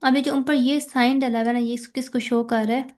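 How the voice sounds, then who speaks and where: A woman's voice: high voice, steady tone, fairly quick, a little mellow. A woman with a Pakistani accent teaching a recorded lecture. She explains step by step, mixes in English terms and keeps checking in with students.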